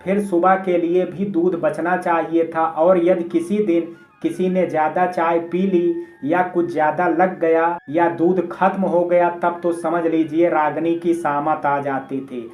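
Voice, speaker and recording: A man narrating a family drama story in a steady, plain storytelling voice. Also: a little high, measured pace. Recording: echoey room, tinny phone-like sound.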